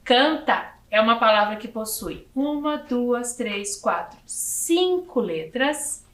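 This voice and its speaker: A woman from Brazil teaching young children in a video lesson, slowly counting letters and syllables aloud. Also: fairly high pitch, expressive, fairly bright tone, roomy sound.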